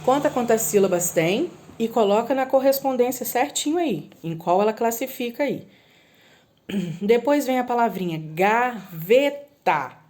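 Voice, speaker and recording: A patient woman guides young children through a recorded lesson. Her voice sits a little high, and she stretches each example word out slowly. She keeps checking that they follow along. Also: animated, a little mellow. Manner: patient, drawn-out word spelling with frequent "tá?" checks. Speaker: primary school teacher.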